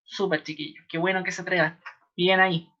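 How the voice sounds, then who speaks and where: A woman with a Chilean accent teaching a chemistry class online, patient and repeating terms slowly for her students. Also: lowish voice, flat delivery, sharp tone. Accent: Chilean Spanish. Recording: slightly dull lo-fi online class audio.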